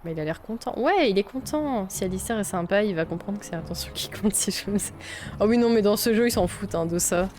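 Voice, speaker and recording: This young woman from Belgium talks fast and animatedly in a mid-range, darkish voice while playing a video game, with a little hiss or hum present. It's casual let's-play chat full of thinking aloud and frequent swearing, backed by faint game music.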